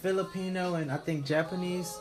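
A man's voice: high voice, fairly even intonation, a little fast, loud music behind the voice. A man co-hosting a casual talk show, blunt and opinionated, swearing freely. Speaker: podcast co-host. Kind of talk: casual, profane opinionated chat.

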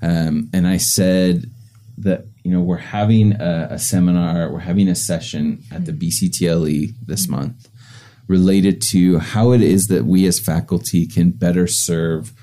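A deep-voiced American man with a warm, mellow tone hosts a podcast. He talks conversationally and picks his words with some thoughtful hesitation. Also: fairly even intonation, unhurried. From rural Indiana, USA. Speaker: podcast host, communication professor.

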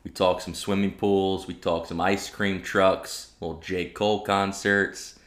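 A man's voice: sits low, flat delivery, unhurried, a bit bright. A man, co-hosting a casual podcast in an easygoing, chatty way. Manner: easygoing, reminiscing, says "man" and "dude". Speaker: podcast co-host. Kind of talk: casual chat.

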